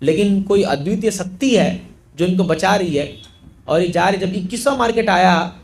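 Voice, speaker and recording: A man preaching to a congregation, telling a story in an animated way and acting out the characters' lines. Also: high-pitched, moderate pace, gravelly. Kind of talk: storytelling sermon.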